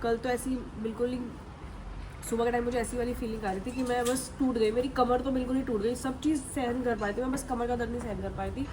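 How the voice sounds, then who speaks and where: A young woman casually chatting as a vlogger, lively and teasing, still recovering from being unwell. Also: a little high, fairly quick. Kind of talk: casual chat. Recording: clear background noise.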